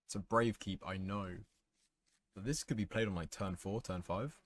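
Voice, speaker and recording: Low-voiced man doing casual card game commentary. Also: normal speed, slight background noise. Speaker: gaming content creator playing a card game. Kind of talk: casual gameplay commentary, thinking aloud.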